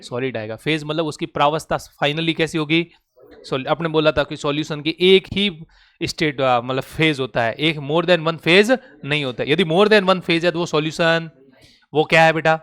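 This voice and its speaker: High-voiced man drilling a class. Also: a bit bright, clean tone. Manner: drills students with rapid questions; coaxing, calls students "beta". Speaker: teacher. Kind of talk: classroom lecture.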